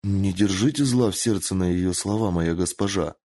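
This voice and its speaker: A man voicing a timid young female attendant who speaks softly, almost murmuring. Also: deep voice, normal speed, no room sound, clean studio sound. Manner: soft, murmuring.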